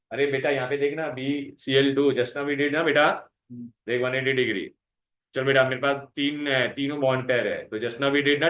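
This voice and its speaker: Male chemistry tutor, mid-pitch, quizzing pupils nonstop; roomy echo, bits. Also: a bit bright. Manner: coaxing, calls students "beta", quizzes them constantly. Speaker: chemistry teacher. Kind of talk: revision lecture to students. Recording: echoey room.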